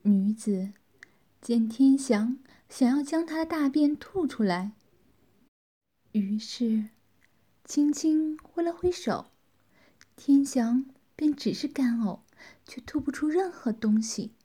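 Slow, breathy whispering female storyteller. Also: sits high, lively intonation. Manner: soft hushed whisper.

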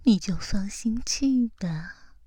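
A woman's voice: medium pitch, animated, slow, dark tone, husky, dry recording. A woman doing an ASMR role-play as a teasing, domineering seductress, speaking breathily and very close, right into the listener's ear. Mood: mocking, teasing.

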